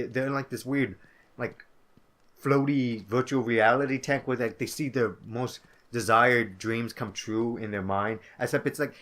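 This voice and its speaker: A man's voice: medium pitch, fairly bright tone. Young male co-host, casual rambling gamer chat. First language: English. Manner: rambling, many "like" fillers, playful impressions. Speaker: co-host of a gaming let's play.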